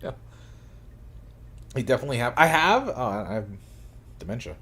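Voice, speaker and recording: A man's voice: medium pitch, big pitch swings, normal speed, a bit bright, husky. A man streaming casually, reacting to videos with crude, jokey chat and frequent laughter. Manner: laid-back, crude, jokey, laughs often.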